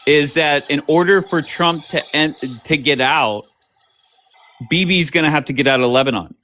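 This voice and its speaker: A man's voice: fairly high pitch, normal speed, pushed and bright. A man hosting a live stream, pushing back on guests with sarcastic challenges. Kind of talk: heated political debate.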